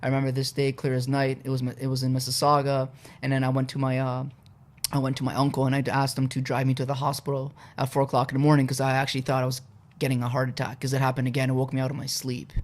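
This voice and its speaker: A young adult Polish podcast guest recounts his personal story at a quick pace in a medium-pitched voice. His tone is laid-back and casual, with frequent "uh" and "you know."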